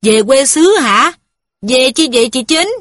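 A man's voice: high-pitched, expressive, measured pace, fairly bright tone, no echo, studio quality, full character voice. A woman voicing a kindly, plain-spoken middle-aged male worker who talks in an earnest, folksy way. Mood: needling.

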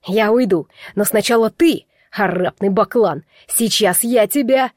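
Bull-man played by a woman, furious, crude, shouting, high and loud, dry. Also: measured pace, no echo, close to an everyday voice. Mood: enraged shouting. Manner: shouting insults.

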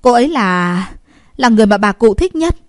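A woman's voice: mid-range voice, expressive, fairly quick, no room sound, studio quality, natural voice. A woman voicing a stern young woman who gives firm, cold orders in a storybook reading.

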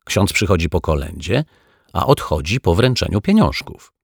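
A man voicing a nervous, mumbling young altar server in a children's audiobook, his voice pushed high and strained. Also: sing-song, moderate pace, gravelly, breathy edge, no room sound, studio quality, heavily acted. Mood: smug. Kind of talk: audiobook character voice.

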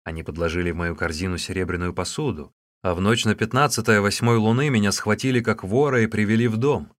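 A man voicing a weary, tough outlaw hero in an audiobook, speaking low and grim. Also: fast, dry recording, clean studio sound, close to an everyday voice. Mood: recounting.

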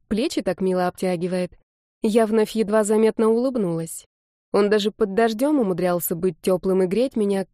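A woman narrating a first-person novel aloud, giving the heroine's lines a playful, expressive delivery. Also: mid-range voice, no room sound, clean studio sound. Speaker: audiobook narrator. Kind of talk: first-person novel reading with voiced dialogue.

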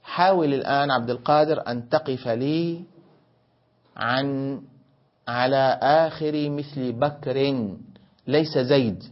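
A man's voice: mid-range voice, slow pace, long pauses. A man teaching a grammar lesson, questioning his students and correcting them, explaining by repeating and rephrasing points. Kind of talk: classroom lesson. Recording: dull lo-fi classroom recording.

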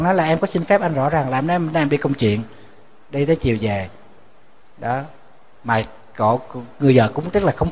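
A man, a Buddhist monk, giving a sermon as a lively storyteller who repeats words when he restarts. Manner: storytelling, acting out quoted voices with rising pitch.

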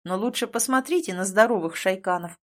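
A woman reading the part of a wary male beast seller, speaking slowly and gravely in a lowered voice. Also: natural voice. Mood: warning.

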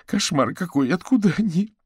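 A man voicing an excitable woman who exclaims in a shrill, raised voice. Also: normal speed, breathy edge, no room sound, studio quality. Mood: alarmed.

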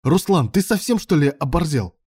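A man's voice: lowish voice, a little fast, warm tone, no room sound, clean studio sound, natural voice. A man voicing an earnest, torn young man. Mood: alarmed shouting. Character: anxious young man caught between two lovers.

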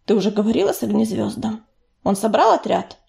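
A cautious young tom-cat warrior from a storybook, read by a woman. He speaks firmly and measuredly, holding his ground. The voice still moves with a lively lilt. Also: on the high side, gravelly, pitched below the performer's own voice, full character voice. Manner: firm, measured, at times snapping.

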